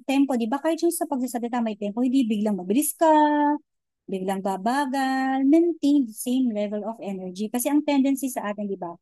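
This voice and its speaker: A woman giving an informal online lecture, mixing Tagalog and English, often checking in with "okay?" and pausing to search for words. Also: fairly high pitch, warm tone, dry recording, poor audio. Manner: chatty Taglish, frequent "okay?" and "di ba?" check-ins; many hesitations and restarts.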